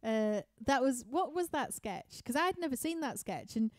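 A chatty young woman with a Yorkshire accent rambles through viewer questions from her living room, laughing often and filling pauses with lots of ums. Her voice sits on the higher side yet sounds mellow and dark. The sound is dry and close, with no room echo. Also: expressive. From Yorkshire, England. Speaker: musician hosting a live stream Q&A. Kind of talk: casual chat reading viewer questions.

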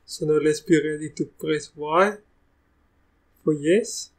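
A young man with a South African accent touched by Russian, hosting a live software tutorial in a chatty, easygoing way, restarting sentences as he goes. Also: a little high, slow pace, poor audio. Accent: South African, with a bit of Russian. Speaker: tech tutorial host.

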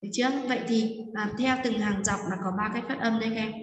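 A woman's voice: a little high, fairly even intonation, fast, a little hiss or hum. A woman teacher explaining a lesson step by step, patiently, with frequent check-ins with her students. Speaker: English teacher. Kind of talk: recorded classroom lesson explanation. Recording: echoey room, long reverb, voice distant from mic.

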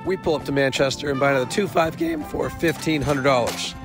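A man in his twenties with a hoarse smoker's rasp and a congested cold, casually narrating poker hands in a brash, sweary way. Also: medium pitch, steady tone, fairly quick. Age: 20s. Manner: brash, profane, jokingly self-deprecating. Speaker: poker vlogger. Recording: voice-over with music behind.

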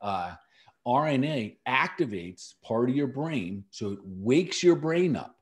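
Speaking slowly in an animated, mid-range voice, a middle-aged podcast host and natural medicine practitioner walks through herbal remedies. He keeps it casual yet emphatic, leaning on repeated key words for stress.

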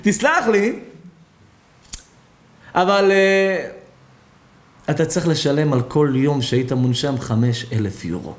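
A man's voice: fairly high pitch, animated, long pauses, lightly acted. A man voicing a polite male doctor in a sermon story, hesitant and apologetic, with a raised voice.

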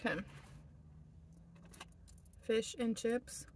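A woman's voice: fairly high pitch, very slow, darkish tone. A young woman giving a casual food review in a parked car, talking while chewing with her mouth full. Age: young adult. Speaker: food vlogger. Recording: noticeable background noise in car.

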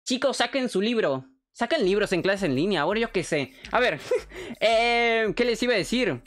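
Fast-talking Mexican young man streaming. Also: high voice. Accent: Mexican Spanish. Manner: fast, excitable, swears freely. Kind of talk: casual livestream chat.

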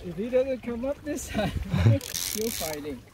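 High-voiced man joking over loud boat noise. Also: very animated, a little slow. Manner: short remarks, laughs often. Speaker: fishing companion. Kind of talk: casual chat while fishing. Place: small open boat at sea, outdoors.

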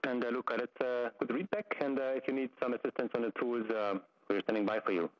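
A man working as a flight controller, making halting, procedural calls over a space-to-ground radio loop, with plenty of fillers. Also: mid-range voice, fairly even intonation. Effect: crackly space-to-ground radio loop with clicks. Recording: muffled, noisy radio channel.

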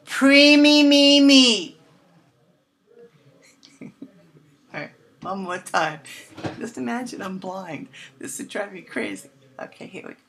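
A woman's voice: on the low side, sing-song, moderate pace, creaky, long pauses, fairly bright tone, slight background noise. A woman vlogger in a playful solo recording, giggling and repeating a phrase in different silly voices.

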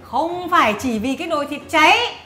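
A woman's voice: high-pitched, expressive, a little fast, bright, forceful tone, echoey room. An actress playing a scornful, bossy mother-in-law who scolds and mocks with sneering laughs. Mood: scornful scolding. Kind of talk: family drama acting.

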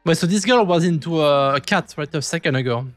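A man's voice: a little high, fairly quick. A man streaming casual anime reaction commentary in short, offhand, chatty remarks. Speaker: VTuber streamer. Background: music from the show being watched.

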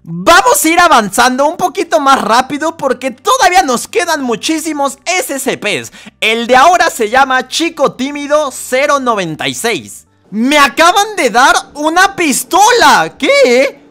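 A young man narrates a horror game in a very high voice. His tone is bright and sharp as he yelps, laughs and calls out to his viewers as friends. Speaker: gaming YouTuber. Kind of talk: excitable Roblox gameplay commentary.

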